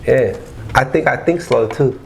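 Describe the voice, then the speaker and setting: A man's voice: medium pitch, unhurried, creaky, slight background noise. A man, a rapper guest, talking in a loose, rambling casual chat, often asking "you know what I mean".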